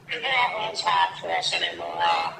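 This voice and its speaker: A man speaking through a deep pitch-shifting voice changer, heard as an anonymous interviewee in a played-back clip. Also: wildly swooping pitch, normal speed. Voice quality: very deep, gravelly, distorted. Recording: roomy, noisy played-back video audio.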